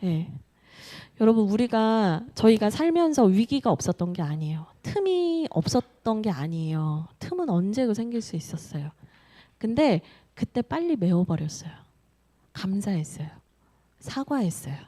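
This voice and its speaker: A woman's voice: medium pitch, very animated, moderate pace, dark tone. A woman in her thirties, a pastor preaching a sermon in a church and telling a personal story with playful quoted dialogue. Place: church sanctuary.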